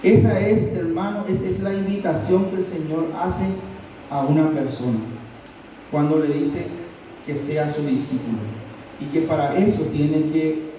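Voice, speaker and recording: A man with a Paraguayan Spanish accent preaching a sermon as pastor, teaching slowly and deliberately. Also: on the high side, fairly even intonation, dark tone, a little hiss or hum. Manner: slow, deliberate teaching with pauses. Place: church hall. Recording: distant, dull, very roomy church recording.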